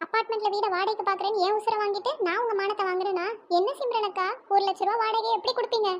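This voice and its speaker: Woman doing a squeaky, cheeky young cartoon woman. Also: steady tone, fast talker. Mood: teasing. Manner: teasing, giggly, sing-song.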